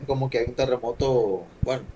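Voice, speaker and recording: A man's voice: mid-range voice, fairly quick, mellow. A man reading a Bible passage aloud and discussing it, stumbling now and then over words. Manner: reads steadily with occasional stumbles and restarts. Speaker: Bible reader and discussion leader. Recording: distant mic with noticeable background noise.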